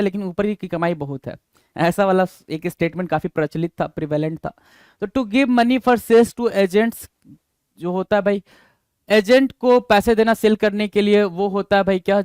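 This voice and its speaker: Male tutor, high smooth voice, dry close mic, chatty and repetitive. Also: a little mellow, dry recording. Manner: chatty, repeats each word and keeps asking the class questions. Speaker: exam vocabulary teacher. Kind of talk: Hindi-English classroom explanation.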